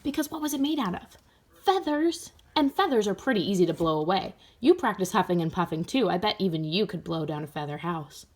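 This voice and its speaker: A woman with a mid-range, expressive voice reads a children's storybook aloud at a fairly quick clip. Animated throughout, she speaks straight to her young listeners.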